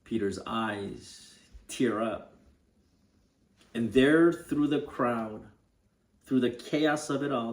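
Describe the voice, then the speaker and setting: Slow, dramatic preacher in a roomy hall. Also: male voice, medium pitch. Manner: vivid retelling, dropping to hushed tones. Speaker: pastor. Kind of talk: dramatic sermon storytelling. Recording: roomy echo.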